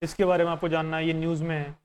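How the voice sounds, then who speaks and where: A man with a fairly high, smooth and clear voice, teaching exam candidates in a relaxed way. He talks straight to the listener and keeps checking in as he goes. His speech is laid-back but guiding, with English phrases mixed in. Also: rapid-fire. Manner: conversational and instructive, often checking in with the listener. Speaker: exam coach. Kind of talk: casual teaching while going through a newspaper.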